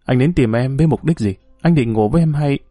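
A man voicing a hurt, bitter young woman who was once married, speaking in a pleading tone in his own mellow, dry-sounding voice. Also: medium pitch, fast, no echo, lightly acted.

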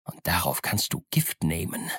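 A man's voice: deep voice, sing-song, normal speed, a bit bright, breathy edge, no echo, clean studio sound, pitched below the performer's own voice, full character voice. A man voicing a scheming old one-legged pirate captain who growls threats and mocks his crew. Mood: menacing, scornful. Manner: growling threats, mocking and commanding. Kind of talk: audiobook character voice.

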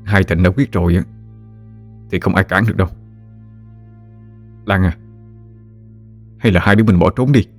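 A man voicing a worried young village man who gently soothes his sweetheart. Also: deep voice, moderate pace, pauses often, faint music behind. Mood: earnest. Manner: soothing, earnest.

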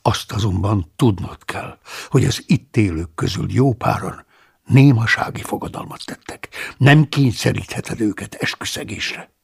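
A man voicing an irritable, easily alarmed abbot in an audiobook, speaking with a gravelly, husky edge. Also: lowish voice, exaggerated voice. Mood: stern. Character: irritable fearful male abbot. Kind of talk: audiobook character voice.

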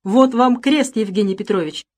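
A woman voicing an excited, breathless male servant who tells his news in a folksy gabble. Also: a little high, normal speed, voice pushed up.

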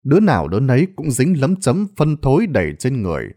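Guy telling a ghost story, pitch swooping all over, real expressive. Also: fast talker. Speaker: horror storyteller. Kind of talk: scripted ghost story narration.

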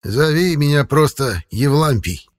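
A man voicing a small, grumpy, sly old male forest spirit with a slightly creaky, folksy voice. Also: medium pitch, normal speed, pitched above the performer's own voice, close to an everyday voice. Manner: folksy, grumbling.

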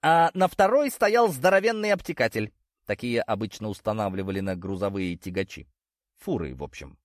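A man reading a first-person audiobook in a wry, deadpan manner. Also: fairly low pitch, fairly quick, dry recording, studio quality. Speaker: narrator.

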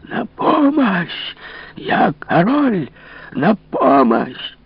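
A man voicing a frenzied imprisoned king who howls hoarsely in helpless fury. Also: high-pitched, wildly swooping pitch, extremely slow, dry recording, voice pushed up, heavily acted. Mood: raging. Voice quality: hoarse, howling. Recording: dull lo-fi recording.

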